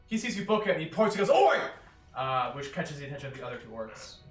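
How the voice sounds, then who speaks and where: A man narrating a tabletop game as game master in a casual, lively way. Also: medium pitch, fast. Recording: echoey room, far from mic, music behind.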